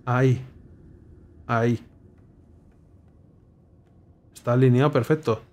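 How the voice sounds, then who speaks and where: A young man playing a puzzle game and thinking aloud, muttering clues to himself with sudden excited outbursts. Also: mid-range voice, slow pace. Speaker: gameplay streamer. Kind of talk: casual puzzle game commentary.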